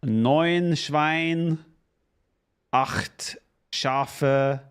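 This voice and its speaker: A man streaming a strategy game, chatting casually with viewers in halting, self-correcting speech and thanking subscribers. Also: fairly high pitch, clean tone. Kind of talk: casual live-stream gaming chat.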